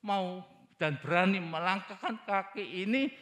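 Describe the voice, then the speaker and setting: A man's voice: sits high, lively intonation, unhurried. A man preaching a sermon, emphatic, often acting out quoted prayers. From Indonesia. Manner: emphatic preaching with acted quotes, rising and falling loudness. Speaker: pastor.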